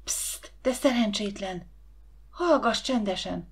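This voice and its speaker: A woman's voice: mid-range voice, expressive, a little mellow, close to an everyday voice. Woman reading as an eager teenage girl. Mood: excited whispers. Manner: breathless eager whispering. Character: excitable teenage girl, playful and lovestruck.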